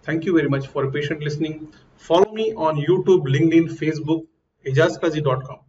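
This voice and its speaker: A middle-aged HVAC instructor teaches piping over slides, his voice slightly high, slightly quick, and somewhat mellow. He is earnest and goes step by step, pointing things out on diagrams in this technical lesson. It was captured on a lapel mic in a small room, and the lo-fi audio sounds dull with faint noise.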